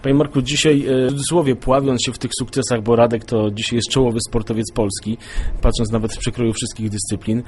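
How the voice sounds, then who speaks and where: A man's voice: medium pitch, level tone, fast talker, a little mellow. A man asking formal, polite interview questions. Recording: faint background noise.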